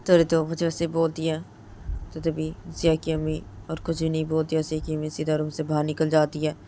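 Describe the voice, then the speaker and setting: A woman's voice: low-pitched, monotone, a little fast, warm tone, slight background noise. A woman narrating a romantic story in plain, run-on sentences strung together with linking words.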